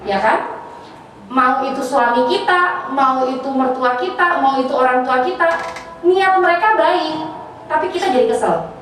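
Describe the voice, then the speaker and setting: A woman giving a parenting seminar, lively and answering questions from the audience. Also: high voice, normal speed, a little hiss or hum. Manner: lively, acts out child and parent voices in examples. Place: preschool seminar room. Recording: echoey hall, from far off, with audience.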